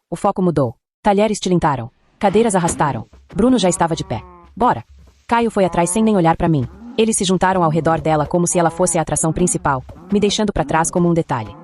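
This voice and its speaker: A woman narrating a first-person story in a brisk, even way. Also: fairly low pitch.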